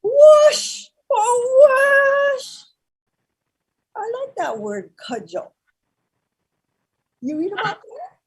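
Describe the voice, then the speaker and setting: A fierce old grandmother, played by an actress on stage, her voice set high and swinging wildly up and down. She talks in slow, broken English, with bursts of shouting that drop into hushed murmurs. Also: huge pitch swings, heavily acted, rough recording. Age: older. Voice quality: broken English, shifting between shouts and whispers. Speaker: actor. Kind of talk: live-streamed stage play.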